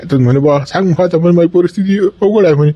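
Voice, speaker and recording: A man's voice: high-pitched, quick pace, mellow, muffled recording. A man playing a worried, talkative village uncle in a comedy sketch, speaking. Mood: chatty. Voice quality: rustic, coaxing, talkative. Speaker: village elder visiting hospital.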